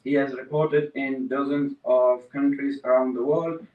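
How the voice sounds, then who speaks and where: A man moderating a conference, reading a formal introduction of the next speaker in an even, list-like delivery. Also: medium pitch, measured pace, narrow, tinny audio. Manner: reads a list at an even pace. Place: conference hall. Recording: echoey hall, distant mic.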